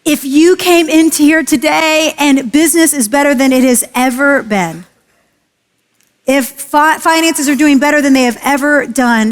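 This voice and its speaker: A female pastor delivers a sermon with earnest emphasis, lowering her voice and easing her pace whenever she reaches key phrases. The church sanctuary gives the recording a long, hall-like reverb.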